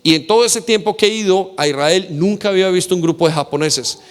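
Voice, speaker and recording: A man's voice: high voice, fast talker. A man preaching a sermon as pastor, quoting scripture and speaking directly to his listeners. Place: church hall. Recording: long hall reverb.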